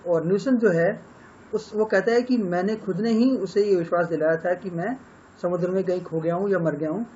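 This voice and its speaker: An English literature teacher with an Indian accent and a high voice patiently explains a novel's plot to students, switching between Hindi and English and pausing on fillers as he thinks. He speaks at normal speed with a dark tone, and the sound is dull and lo-fi with faint background noise.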